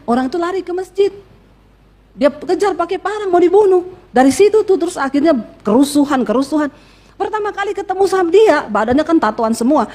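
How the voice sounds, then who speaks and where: A woman pastor preaching a sermon, telling a story with lively quoted voices and often addressing her listeners directly. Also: very high voice.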